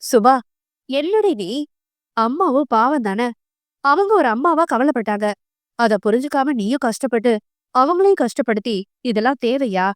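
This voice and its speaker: A woman's voice: high voice, animated, moderate pace, pauses often, no room sound, studio quality. A woman reading an audio novel voices a caring elder sister who scolds and coaxes in her own voice. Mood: scolding. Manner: reproachful, coaxing.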